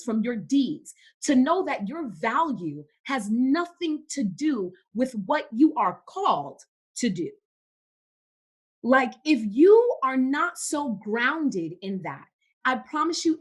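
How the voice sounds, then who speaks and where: A woman's voice: a little high, slightly rough. A young woman from Cameroon, a podcast guest in casual faith-based conversation, who speaks emphatically and repeats words for stress.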